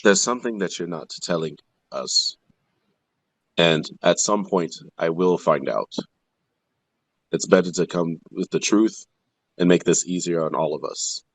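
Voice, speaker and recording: A stern, suspicious adventurer in a tabletop role-play, spoken by a very deep voice, as a man puts him on. The warning comes low and measured, in a dry, close recording with no room sound. It stays plain and unhurried. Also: no room sound. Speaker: player.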